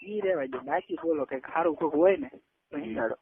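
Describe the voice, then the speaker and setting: Over a tinny telephone line, a young man in his twenties with a Gujarati accent urges and coaxes in a casual private chat. His voice is a little high, expressive, slightly fast, creaky and a bit rough.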